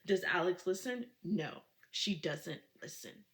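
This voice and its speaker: A woman's voice: fairly low pitch, expressive, takes it slowly. A woman giving a casual, dramatic book recap, full of rhetorical questions.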